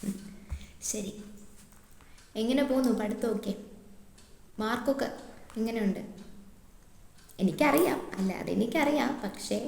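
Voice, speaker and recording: A woman's voice: a little high, expressive, measured pace, vocal fry, long pauses, a little mellow. A woman playing a chatty, nosy class teacher at a parents' meeting who repeats herself a lot, in a comic sketch monologue. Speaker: comedy sketch performer. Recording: echoey room, faint noise.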